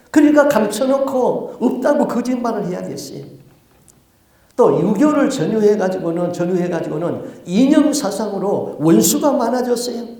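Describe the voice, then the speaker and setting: A man's voice: sits high, gravelly, darkish tone. A male pastor delivering a sermon, telling a story and asking rhetorical questions, in a church sanctuary. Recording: very echoey church hall.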